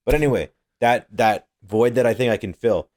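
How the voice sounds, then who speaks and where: A man's voice: medium pitch, brisk, a little mellow. A young man co-hosting a casual podcast, rambling through his thoughts, swearing a lot and laughing often. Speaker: podcast co-host. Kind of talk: casual chat.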